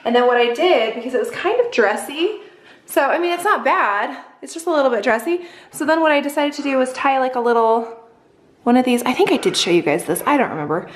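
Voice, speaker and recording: Woman vlogger, high voice, chatty and gushing, echoey home room. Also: animated, fairly quick. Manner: chatty, gushing, coos at the kids. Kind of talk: casual vlog chat.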